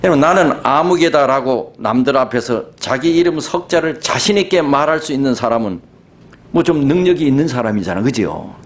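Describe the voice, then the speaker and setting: Animated Korean pastor preaching. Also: male voice, mid-range voice, fairly quick. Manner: animated, asks the congregation questions. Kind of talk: sermon.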